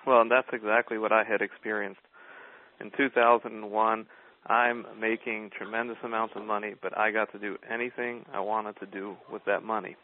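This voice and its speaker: Low steady guy, pretty flat delivery, earnest, dry tinny phone sound. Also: fairly quick. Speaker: co-host. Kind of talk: conversational talk.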